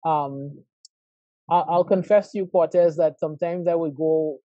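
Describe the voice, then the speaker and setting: The voice is a little high and steady, warm in tone and moderate in pace: a professor in his forties from Trinidad and Tobago, speaking with a Trinidadian accent as a guest in an interview over a call. He's thoughtful and reflective, often asking "right?". The recording is dry and muffled.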